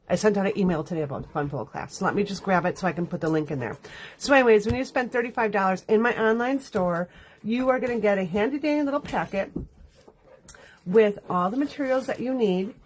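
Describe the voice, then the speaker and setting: Teaching a card-making class live from her home, this woman rambles in a casual, chatty way and laughs often. Her mid-range voice sounds congested and nasal, with slight background noise. It's a relaxed livestream chat.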